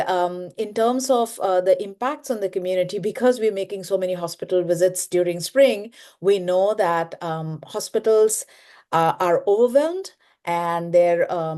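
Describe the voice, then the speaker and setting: A woman's voice: fairly low pitch, dark tone. A woman from South India, giving hesitant panel remarks on a video call, full of fillers.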